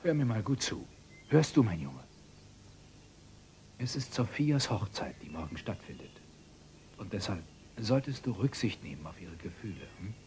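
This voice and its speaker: A middle-aged father in a dubbed soap opera, earnest and fatherly. His delivery rises and falls in a lively way, with a faint hiss in the background. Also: fairly low pitch, normal speed, long pauses.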